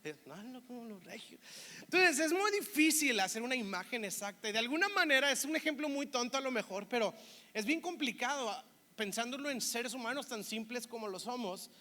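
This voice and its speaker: Bright-voiced pastor with a northern Mexican accent. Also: male voice, extremely high pitch, animated, a little fast, long reverb tail. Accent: northern Mexican (Monterrey). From Monterrey, Mexico. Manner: conversational, keeps asking "¿verdad?". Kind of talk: sermon.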